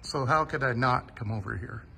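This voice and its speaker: A man's voice: medium pitch, normal speed, vocal fry, sharp tone, slightly rough. Enthusiastic man touring a vehicle warehouse. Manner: enthusiastic, awed. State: a bit sweaty after driving. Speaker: vlogger touring a vehicle museum. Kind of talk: casual walk-through narration. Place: large indoor vehicle warehouse.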